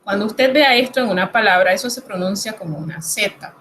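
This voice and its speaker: A woman's voice: medium pitch, fairly quick, a bit bright, a little hiss or hum, rough recording. A woman teaching French pronunciation in Spanish, patient and reassuring as she explains each sound step by step. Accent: Latin American Spanish. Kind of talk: recorded lesson explaining pronunciation.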